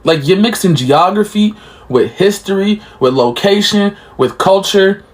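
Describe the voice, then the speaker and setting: A man's voice: sits high, animated, a little slow. A man hosting a reaction video, talking casually and explaining things to viewers he calls y'all. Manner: chatty, addresses viewers as y'all.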